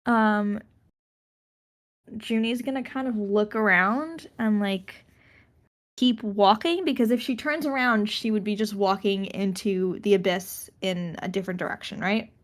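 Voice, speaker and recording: A woman's voice: mid-range voice, measured pace. A woman playing a tabletop game, talking casually and filling her questions with "like". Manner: chatty, lots of "like". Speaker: player. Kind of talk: casual tabletop role-play.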